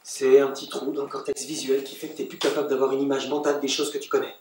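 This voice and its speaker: A man's voice: mid-range voice, flat delivery, quick pace, far from the mic, background noise, natural voice. A man playing an anxious, earnest, restless man. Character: Simon Labrosse, anxious, restless jobless man. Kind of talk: stage play acting. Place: theatre stage. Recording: very echoey stage from afar.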